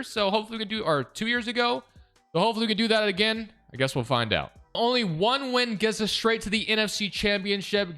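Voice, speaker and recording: Bright, smooth-voiced man narrating gameplay. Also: a little high. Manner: chatty, thinking aloud, self-correcting. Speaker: gaming video creator. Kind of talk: casual commentary over gameplay.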